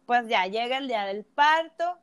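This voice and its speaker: A woman's voice: fairly high pitch, expressive, moderate pace, a bit bright, clear, resonant tone. A woman co-hosting a podcast, telling a personal story in casual chat with plenty of fillers. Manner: chatty storytelling with many fillers. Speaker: podcast co-host. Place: lives in California.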